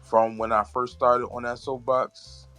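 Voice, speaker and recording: A man's voice: medium pitch, little pitch movement, unhurried, a bit bright, soft background music. A man being interviewed about his writing, earnest and often searching for words. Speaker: guest, author and poet. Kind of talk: casual interview chat.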